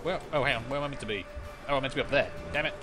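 A man's voice: medium pitch, rapid-fire. A man giving casual gameplay commentary while he plays. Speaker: let's play host. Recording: loud game music and sound effects behind. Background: loud game music and combat sounds.

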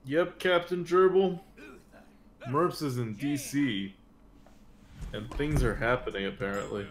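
A man's voice: mid-range voice, measured pace, background noise. A man casually chatting while playing a card game on stream, tired and drowsy, yawning as he talks. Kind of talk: casual gameplay chat.

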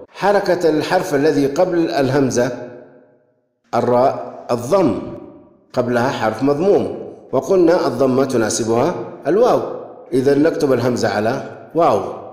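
A man teaching a grammar lesson, asking questions and then praising the answers, and reading example words slowly and carefully. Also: medium pitch, dark tone. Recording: echoey room with long reverb.

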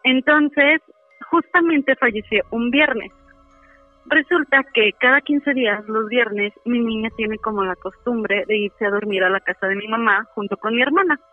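A woman's voice: fairly high pitch, measured pace, dry recording. A woman, phoning in to tell a story in a casual, chatty way, often using fillers. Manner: chatty, many fillers like "este". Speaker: caller. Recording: tinny phone line with music behind.

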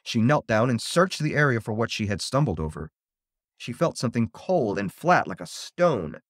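A man reads a spooky story aloud with a theatrical flair. His pitch sits in a middle range but roams widely as he builds suspense. The sound is dry and close, with no room around it. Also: moderate pace, dry recording. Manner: expressive, theatrical. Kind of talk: dramatic story reading.

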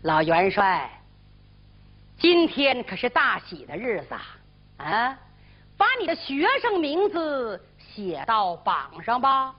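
Woman acting husky, oily, scheming male minister. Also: fairly high pitch, very animated, slow, exaggerated voice. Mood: wheedling. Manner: wheedling, falsely courteous. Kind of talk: traditional storytelling character voice. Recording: dull lo-fi broadcast audio.

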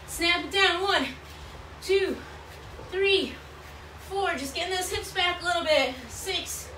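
A woman aerobics instructor with a very high, sharp voice leads a home workout, giving short, encouraging, repetitive cues and counts while exercising. She takes her time, and since a camera or phone sits several feet away in the indoor room, she sounds distant, with a roomy feel and clear background noise.

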